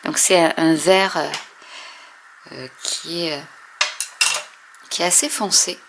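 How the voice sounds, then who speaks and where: Woman, lower voice, casual demo, hesitant with fillers, trails off softly, faint room noise. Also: steady tone, takes it slowly. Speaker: craft video host.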